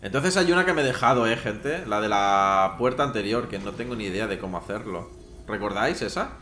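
Faint music plays behind a lowish, bright, forceful voice that is expressive and a bit quick. He's a streamer doing laid-back let's-play commentary and chatting with viewers, recorded in a roomy space with slight noise.

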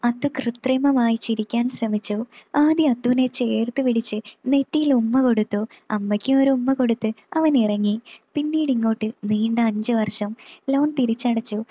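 Woman reading a story, slightly high voice. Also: moderate pace, slightly rough, muffled recording. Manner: steady, plain reading.

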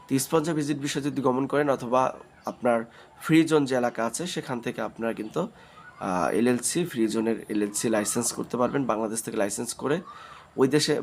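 Brief: Bangladeshi-accented male vlog host, mid-pitched, chatty and repetitive, lots of fillers, faint room ambience. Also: fairly quick, gravelly, slight background noise. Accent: Bangladeshi Bengali. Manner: rambling, repeats himself, frequent "uh" fillers; addresses viewers directly, defensive about critics. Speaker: channel host. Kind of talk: casual explanatory vlog talk to viewers.

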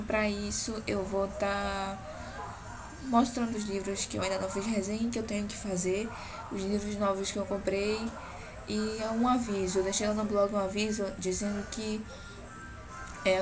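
A young Brazilian woman with a mid-range voice, level tone and normal speed sounds nasal from a cold as she chats casually on a close-range webcam in her small bedroom. She's a book blogger doing a vlog show-and-tell of her books, constantly tossing in "tá?" to check in with viewers while the neighbours' music plays in the background.

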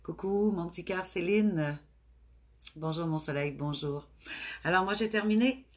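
A middle-aged woman with a Québécois French accent, speaking gently and affectionately to her live-stream viewers with many hesitations. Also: lowish voice, a little slow.

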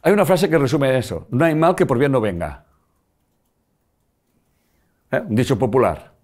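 An older man with a Spanish accent delivers a live lecture at medium pitch and a moderate pace. He is animated and frequently asks the audience whether they're following him.

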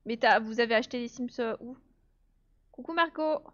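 A woman's voice: on the high side, normal speed, muffled recording. A woman giving casual live gameplay commentary, chatty and laughing often as she answers her chat. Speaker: let's play streamer.

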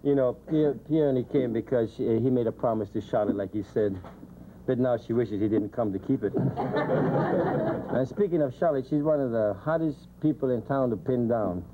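A man as emcee of a roast, giving jokey, ribbing introductions, heard on a muffled TV recording with loud hiss. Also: mid-range voice, moderate pace.

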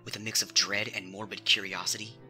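Fairly quick and pushed, with a bright, lowish voice and little pitch movement, a man theatrically narrates a scripted horror tale. Music plays beneath his suspenseful reading.

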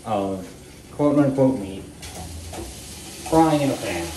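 Animated yet slow-paced, a man with a dark, low-leaning voice narrates casually while cooking in a small home kitchen, rambling and poking fun at himself for his cooking vlog. The camera mic sits across the kitchen, so the audio is echoey, with faint frying noise behind him.

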